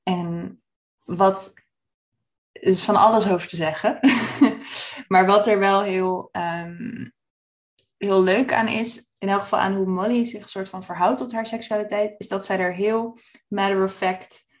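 A woman co-hosting a book discussion, relaxed and hesitant, pausing often as she explains. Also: mid-range voice. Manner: relaxed, hesitant with many pauses. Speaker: podcast co-host discussing a book.

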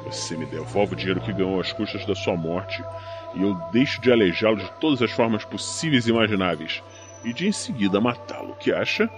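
An actor in a crime audio drama playing a vengeful enforcer, taunting, sardonic and foul-mouthed, speaking deliberately. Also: male voice, lowish voice, expressive, natural voice. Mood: taunting, controlled menace. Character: menacing, vengeful male enforcer avenging his brother. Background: music.

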